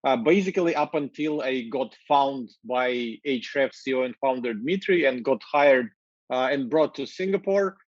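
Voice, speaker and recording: A man in his thirties from Ukraine with a Ukrainian accent, speaking English in a casual, energetic interview with many fillers, over wireless earbuds on a video call. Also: medium pitch, normal speed, dry recording, muffled recording. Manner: energetic, gestures while talking, many fillers. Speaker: marketing executive guest. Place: office with glass walls, indoors.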